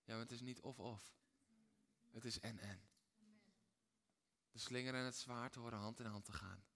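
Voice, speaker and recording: A man preaching a sermon in a dramatic way, swinging between hushed and loud, with repeated rhetorical phrases. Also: medium pitch. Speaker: pastor.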